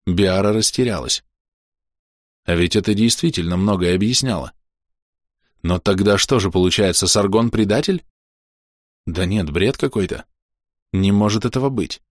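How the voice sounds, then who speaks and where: Steady male audiobook narrator. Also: fairly low pitch, normal speed, long pauses, no room sound, studio quality. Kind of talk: scripted narration.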